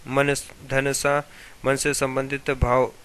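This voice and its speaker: A man teaching Hindi grammar, reading steadily from textbook notes in an even tone. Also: mid-range voice, takes it slowly, slight background noise.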